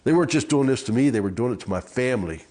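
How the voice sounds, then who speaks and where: Halting man retelling his trial. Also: mid-range voice, lively intonation, warm tone. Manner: halting, repeats words. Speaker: exonerated prisoner. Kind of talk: documentary interview.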